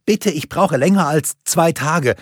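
A man voicing a frightened mother who pleads and struggles to stay calm. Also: mid-range voice, moderate pace, husky, no echo, studio quality, voice pushed up. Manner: pleading, panicked.

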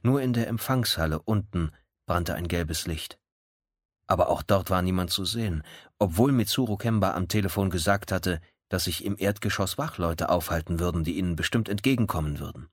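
A man reading a crime story aloud in measured, even audiobook narration. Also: low-pitched, no room sound, clean studio sound.

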